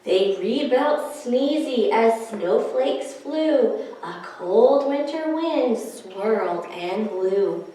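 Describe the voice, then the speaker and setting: High-voiced woman storyteller in an echoey room. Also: animated, extremely slow, few pauses, mellow. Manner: sing-song, addressing young children with questions. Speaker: children's library storyteller. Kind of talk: children's story time read-aloud. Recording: very echoey room, distant mic.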